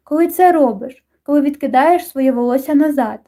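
A shy, sweet teenage girl talks in a playful, teasing way, voiced by a woman in an audiobook. Her voice is high and soft-toned. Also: fairly quick. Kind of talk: audiobook dialogue reading.

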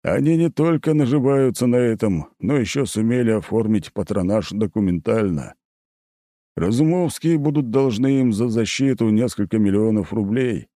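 A man's voice: lowish voice, lively intonation, moderate pace, mellow, no room sound, studio quality, voice pushed up, close to an everyday voice. Man voicing an anxious old count. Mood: earnest warning. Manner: urgent, insistent, warning. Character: aging male count and academy rector, worried, mustached. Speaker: count and rector. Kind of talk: audiobook character voice.

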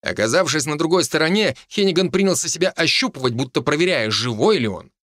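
A man narrating an audiobook in the first person, telling it in an expressive, animated way. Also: on the high side, fast talker, no echo, studio quality.

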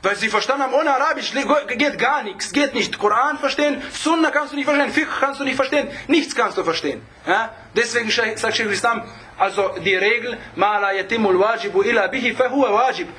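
A man giving an informal religious talk, sprinkling in Arabic phrases, often checking in with a quick question and chuckling as he explains. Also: very high voice, sharp tone, slight background noise. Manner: peppers speech with Arabic phrases and asks "ja?" often; chuckles while explaining, restarts words. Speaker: religious lecturer.

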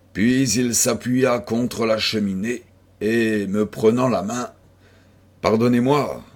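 Slow, husky male audiobook narrator. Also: mid-range voice. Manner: measured, storytelling. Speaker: audiobook reader.

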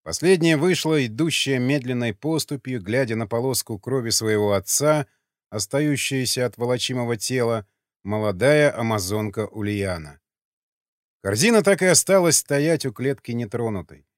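A man's voice: medium pitch, animated, moderate pace, dry recording, clean studio sound. Grave male audiobook narrator. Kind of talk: scripted dramatic narration.

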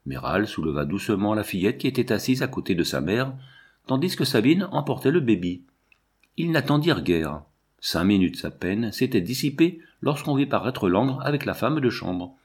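A man with a low voice narrates a classic novel aloud. His delivery is expressive, with pitch and loudness shifting from phrase to phrase. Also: normal speed, breathy edge. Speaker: audiobook reader. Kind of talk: literary narration.

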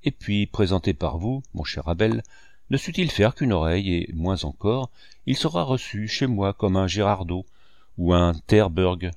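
Brief: male reader as a genial gruff old uncle, low voice, teasing in good humor. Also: expressive, a little slow, a little mellow, no room sound, studio quality. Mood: bantering. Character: jovial older male painter, gruff uncle.

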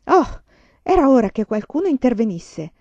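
A woman voicing a spiteful, angry young schoolteacher in a shrill, indignant tone. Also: huge pitch swings, brisk, dark tone, no echo. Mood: exclaiming. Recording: dull, dry lo-fi audiobook recording.

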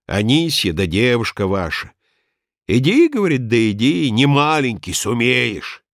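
A man reading a story aloud and voicing a gruff, stubborn working-class handyman who speaks in rough colloquial phrases. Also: medium pitch, big pitch swings, a little slow, a bit bright, no echo, studio quality. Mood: chatty. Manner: rough colloquial speech, offhand and cocky. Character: gruff male handyman, crude, stubborn and boastful.

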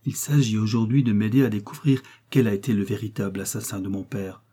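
A man's voice: fairly low pitch, steady tone, quick pace, warm tone, slightly rough. A man voicing a resolute young man who questions firmly and presses for the truth. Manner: firm, pressing.

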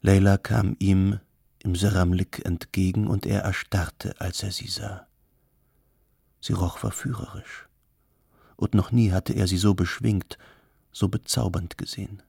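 A man narrating an audiobook in a calm, measured storytelling manner. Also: sits low, gravelly, husky, no echo, clean studio sound. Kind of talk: scripted narration.

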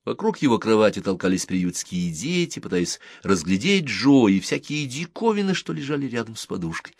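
A man reading a short story aloud as an audiobook narrator, with even, expressive delivery. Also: lowish voice, normal speed, no echo, clean studio sound.

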